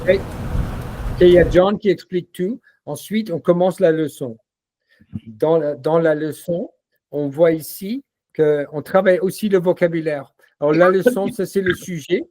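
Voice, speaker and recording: A man demoing a language-learning platform in a casual walkthrough, relaxed and full of fillers. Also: fairly high pitch, measured pace. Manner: relaxed, repeats words, many fillers.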